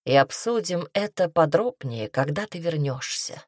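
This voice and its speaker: Smug fanged king, purring and slow, very low pitch, read by a woman. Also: lively intonation, no echo, studio quality. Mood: murmuring. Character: smug seductive male king, fanged, commanding.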